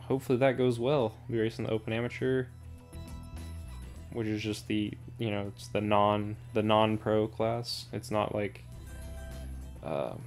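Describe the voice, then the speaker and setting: A man's voice: on the low side, darkish tone. A man giving casual gameplay commentary, rambling with dry sarcastic asides. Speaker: gaming video creator.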